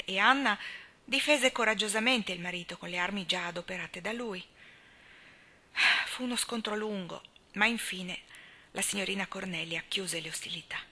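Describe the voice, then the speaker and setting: Bright-voiced woman reading a novel aloud. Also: medium pitch. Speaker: audiobook reader. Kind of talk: scripted narration.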